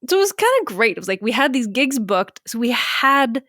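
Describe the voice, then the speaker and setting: A woman musician chatting as a podcast guest, rambling and animated, acting out her own past remarks. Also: on the high side, brisk, no echo, clean studio sound. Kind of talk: casual interview chat.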